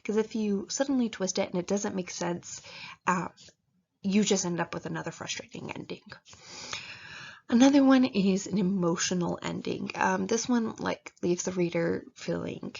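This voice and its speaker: A woman's voice: mid-range voice, moderate pace, creaky, a little mellow, breathy edge. A woman giving casual writing advice in a chatty way, with lots of fillers, and acting out how readers react. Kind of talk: casual instructional talk. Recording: dull lo-fi recording.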